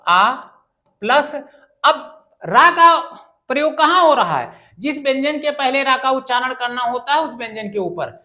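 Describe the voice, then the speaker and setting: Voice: mid-range voice, pushed and bright. A grammar teacher giving an exam-prep lecture, asking questions and answering them, repeating phrases and spelling words out syllable by syllable.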